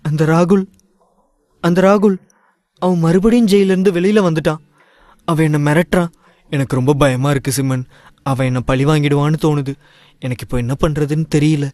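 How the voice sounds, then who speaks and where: A man voicing a frightened young woman who pleads in a high, strained, tearful voice. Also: steady tone, moderate pace, pauses often, darkish tone, dry recording, natural voice. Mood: terrified, tearful.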